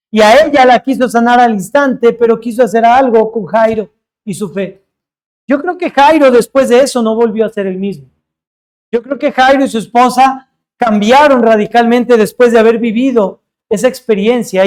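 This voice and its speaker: A male pastor preaching a sermon with earnest emphasis, slowing down to stress key words as he retells a scripture story. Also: very high-pitched.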